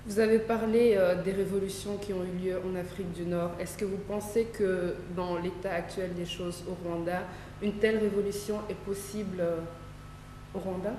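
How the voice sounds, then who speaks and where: A woman interviewer asking measured questions, with small hesitations between her phrases. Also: fairly low pitch, little pitch movement, reverberant, noisy background.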